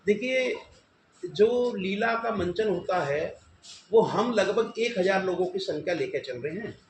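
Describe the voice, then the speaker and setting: Male event organizer, emphatic and insistent, high voice, roomy recording. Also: expressive, a little slow. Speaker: event organizer at a press conference. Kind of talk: press conference answers. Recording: echoey room with background noise.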